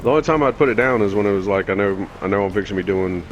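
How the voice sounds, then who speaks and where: Relaxed man explaining over faint noise. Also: lowish voice, very fast, muffled recording. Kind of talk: casual chat.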